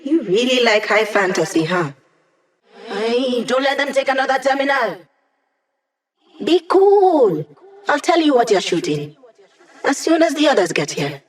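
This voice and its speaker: A woman's voice: fairly high pitch, animated, measured pace, pauses often. An actress playing a young female hacker in a video game, with wry, casual, teasing, tech-savvy banter. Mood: wry, playful. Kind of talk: video game character dialogue.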